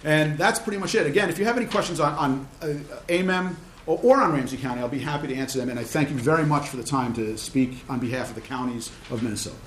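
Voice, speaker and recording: A man testifies before a committee, talking quickly and urgently and often restarting his sentences. His voice echoes around a roomy hearing room, with a faint hum underneath. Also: on the high side. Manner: rapid, urgent delivery with restarts. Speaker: county representative testifying.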